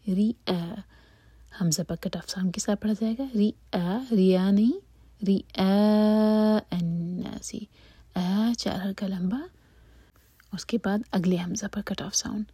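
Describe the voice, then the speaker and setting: A woman with a mellow, breathy voice teaches recitation, mostly in a hushed whisper. She recites verses slowly, stretching the vowels, and the recording is close and dry. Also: medium pitch, no room sound. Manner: soft whispered explanations between slow drawn-out recitation. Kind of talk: tajweed lesson with recitation.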